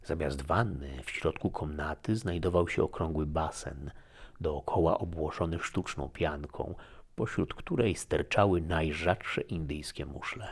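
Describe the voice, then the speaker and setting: A man narrating a classic novel in a measured, formal reading style. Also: a bass voice, breathy edge. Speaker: audiobook narrator. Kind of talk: scripted narration.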